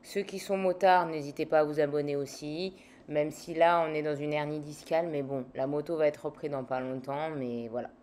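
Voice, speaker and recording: A woman's voice: low-pitched, steady tone, brisk, hardly any pauses, darkish tone. A young woman chatting casually in a vlog, swearing freely and using lots of fillers, her throat still a little weak. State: throat slightly weak after intubation. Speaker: vlogger.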